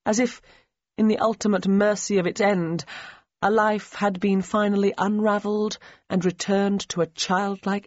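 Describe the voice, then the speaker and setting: A woman narrating a novel in a measured, even storytelling manner. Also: mid-range voice, no room sound. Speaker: audiobook narrator. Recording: slightly muffled dry studio recording.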